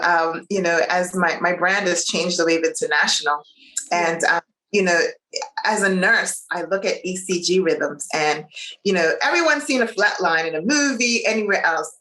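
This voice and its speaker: Animated woman speaking like a preacher. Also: fairly low pitch, moderate pace, roomy sound, rough recording. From Bermuda. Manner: animated, preacherly, emphatic with faith references. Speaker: interview guest; nurse and coach. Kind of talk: motivational interview talk.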